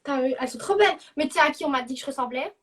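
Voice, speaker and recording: A woman's voice: sits high, expressive, racing, recorded from a distance. A woman guesting on a live stream, chatting casually and self-assured.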